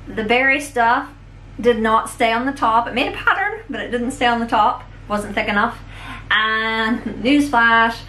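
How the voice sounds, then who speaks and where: Woman, middle-aged, home baking vlogger; bright tone, unhurried, self-deprecating, phone recording in a roomy kitchen with faint background hum. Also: medium pitch. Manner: self-deprecating, halting with frequent ums. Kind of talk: casual kitchen vlog. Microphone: phone camera.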